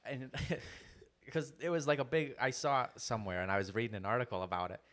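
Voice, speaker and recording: A man's voice: mid-range voice, fairly even intonation, fairly quick, a bit bright. A young man co-hosting a podcast, chatting casually, rambling and laughing often. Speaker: podcast co-host. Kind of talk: casual chat.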